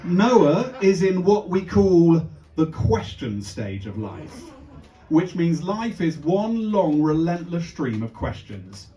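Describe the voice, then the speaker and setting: A man's voice: fairly high pitch, sing-song, takes it slowly, highs cut off. A man, doing a stand-up comedy set and chatting with and teasing the crowd. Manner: chatty, teasing the crowd, shouted voices for the punchlines. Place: comedy club stage before a live audience. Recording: echoey club recorded from a distance.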